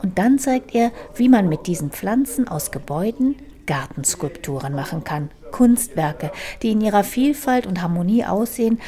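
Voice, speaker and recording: Woman reporter, mellow voice, calm descriptive radio narration. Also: mid-range voice. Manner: measured, descriptive delivery. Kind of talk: scripted radio feature narration.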